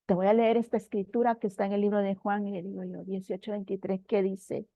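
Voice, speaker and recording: A woman's voice: medium pitch, flat delivery, brisk, warm tone, dry recording. A woman giving a personal spiritual testimony at church, telling her story with earnest emotion and addressing her listener as brother. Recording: dull, dry, slightly lo-fi recording.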